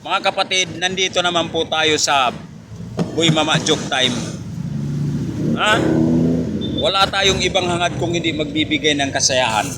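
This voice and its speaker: A high-pitched man from the Philippines tells a joke in a casual, chatty way, dropping a questioning "ha?" after nearly every line. Traffic and vehicle noise are clear behind him, and he chuckles at his own punchlines. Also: moderate pace, long pauses. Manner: keeps adding a questioning "ha?". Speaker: joke teller and host. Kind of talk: casual comic storytelling. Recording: noisy with passing vehicles.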